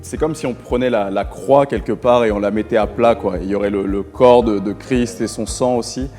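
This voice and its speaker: A man co-hosting a ministry broadcast, praying and talking softly and haltingly with frequent fillers. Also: lowish voice, fairly even intonation. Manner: soft affirmations, halting with fillers. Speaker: ministry co-host. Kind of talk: prayer and conversation. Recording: long hall reverb. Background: faint music.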